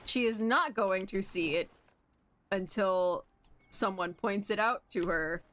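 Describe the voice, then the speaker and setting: Young woman gaming streamer, swears a lot, laughs easily, slow unhurried chatter, bright voice. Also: medium pitch. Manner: giggly, excitable and profane, with frequent filler words. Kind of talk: casual gameplay commentary.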